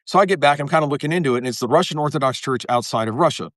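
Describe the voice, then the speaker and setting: A man's voice: on the high side, racing, a bit bright, no room sound, studio quality. A man talking as a guest in a casual interview, rambling and restarting his sentences, swearing now and then.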